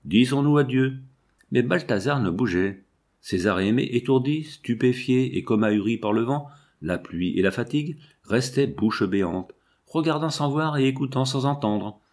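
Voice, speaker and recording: A man narrating a children's storybook in a measured, expressive read-aloud. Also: medium pitch. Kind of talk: storybook reading.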